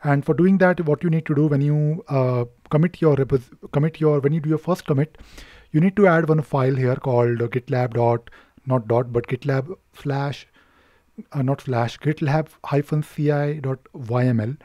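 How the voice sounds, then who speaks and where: A man talking through a screen-recording tutorial unscripted, hesitant, pausing often on filler sounds and restarting his sentences as he works. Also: mid-range voice, fairly even intonation, no room sound, muffled recording. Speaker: tutorial presenter.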